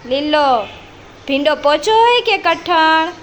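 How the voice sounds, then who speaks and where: A woman preschool teacher quizzing small children in a classroom, speaking slowly and patiently and repeating each child's answer back. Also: sits high, animated, a little hiss or hum.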